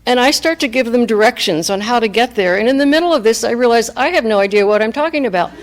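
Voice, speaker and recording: A woman's voice: on the high side, animated, fast talker. Candid woman sharing a personal testimony. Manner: candid, reflective, conversational. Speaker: speaker at a recovery fellowship meeting. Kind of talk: personal testimony talk to a group.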